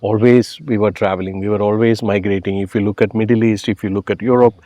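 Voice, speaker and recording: A man's voice: fairly low pitch, steady tone, fast talker, mellow, no echo. A man from Kerala with a Malayali accent, speaking reflectively and explaining his views in a conversational interview. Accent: Malayali Indian. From Kerala, India. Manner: explanatory, often tags phrases with "you know". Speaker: interview guest.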